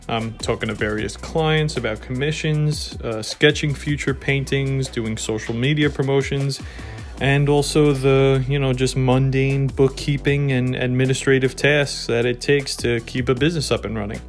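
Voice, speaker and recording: A man with a Long Island accent narrating a painting time-lapse in a relaxed, joking way, with many "uh" fillers. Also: medium pitch. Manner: relaxed, self-deprecating, frequent "uh" fillers. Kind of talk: casual voice-over narration.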